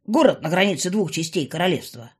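A woman's voice: on the low side, animated, fairly quick, slightly rough. A woman voicing a big, practical man in an audiobook, speaking in a matter-of-fact way. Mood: explaining. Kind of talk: audiobook character voice.

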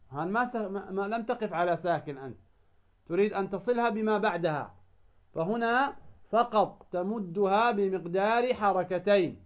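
A man teaching recitation rules who poses questions and then answers them, now and then chanting verses slowly. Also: high voice, dull audio. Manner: asks the listener a question, then answers it himself. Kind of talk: tajweed lesson.

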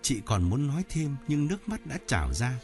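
A man narrating an audiobook story with expressive delivery. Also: mid-range voice, a little fast, soft background music.

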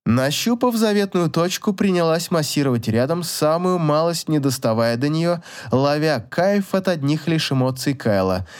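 A male audiobook narrator telling a first-person story in a measured, expressive way. His voice sits a little high for a man. It rises and falls through a wide, lively range.

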